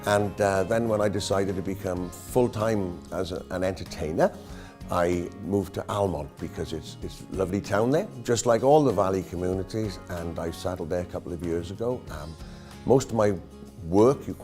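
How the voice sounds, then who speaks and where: A man's voice: low-pitched, darkish tone. A Welsh man in his fifties, an entertainer, answering interview questions in a jokey, self-deprecating way. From Wales. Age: 50s.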